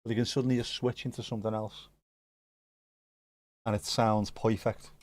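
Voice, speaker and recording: Here a livestream host from the Liverpool area speaks in a Scouse accent, chatting casually with viewers as he reacts to the chat, sometimes joking and swearing. He has a fairly low, darkish voice with little pitch movement and a moderate pace, in a dry recording.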